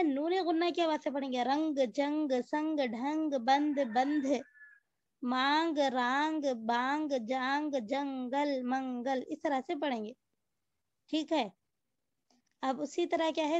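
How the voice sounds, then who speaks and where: A woman's voice: high-pitched, darkish tone, dry recording. A woman teaching a reading lesson. She patiently repeats example words and asks questions that she answers herself. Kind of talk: reading lesson, drilling word lists. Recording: dull, dry lo-fi recording.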